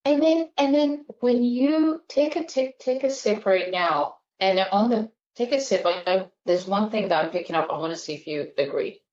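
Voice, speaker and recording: A woman's voice: mid-range voice, moderate pace, hardly any pauses, a little mellow. A woman hosting a casual wine-tasting chat as a sommelier, explaining in a chatty teacher's way. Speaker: sommelier host. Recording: dull lo-fi recording.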